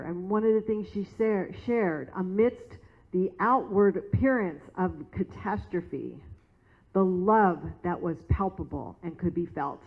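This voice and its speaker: A woman minister preaching a sermon in a conversational, storytelling manner in a church. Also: lowish voice. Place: church sanctuary. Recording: tinny phone-like sound.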